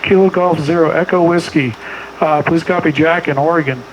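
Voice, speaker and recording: A middle-aged man's fairly high, steady voice moves at a moderate pace as he works an amateur radio contest, rattling off clipped exchanges and phonetically spelled calls. He's recorded in a small home radio room indoors, with clear background noise.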